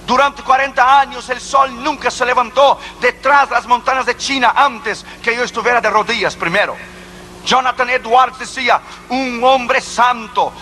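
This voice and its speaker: A man's voice: very high voice, pushed and bright, a little hiss or hum. A man preaching a sermon as an evangelist, driving his points home with repeated rhetorical questions.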